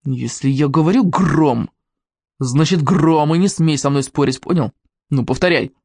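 A man's voice: high voice, big pitch swings, normal speed, dry recording, clean studio sound. A man reading a storybook, voicing a boastful, bossy schoolboy who speaks in a solemn, commanding way.

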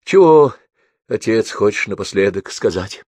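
A man's voice: fairly low pitch, animated, unhurried, a little mellow, no echo, studio quality. A man voicing a serious, stern middle-aged daughter who scolds her brother.

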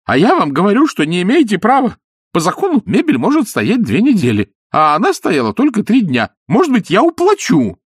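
A man voicing a giddy, fawning man who gushes compliments in a very high, loud, exclamatory voice. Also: huge pitch swings, a little fast, husky, no room sound, studio quality, full character voice. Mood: frantic. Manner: shrill, exclamatory, breathless gushing.

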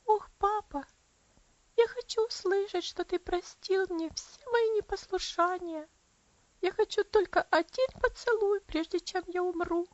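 A woman's voice: extremely high pitch, normal speed, darkish tone, dry recording, dull audio, pitched above the performer's own voice. A woman voicing a frail, sickly little girl who pleads weakly through tears. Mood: tearful pleading. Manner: pleading, tearful, weak.

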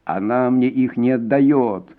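A man reading a story, voicing an older woman who cries and shouts. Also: mid-range voice, slow pace, close to an everyday voice. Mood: sobbing. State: crying. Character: older woman, weeping and hysterical. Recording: tinny phone-like sound.

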